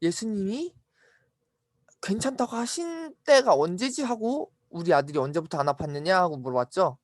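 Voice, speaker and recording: A woman preaching at a church education service, retelling a Bible story in an expressive way and asking the listeners questions. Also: fairly low pitch, no room sound, clean studio sound. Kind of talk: storytelling sermon.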